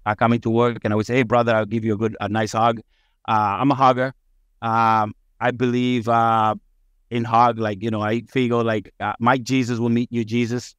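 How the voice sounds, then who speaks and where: A man's voice: on the low side, little pitch movement, normal speed, fairly bright tone, clear, resonant tone, no echo. A middle-aged man, a firefighter guest on a podcast, telling his story in a rambling, upbeat way and swearing freely.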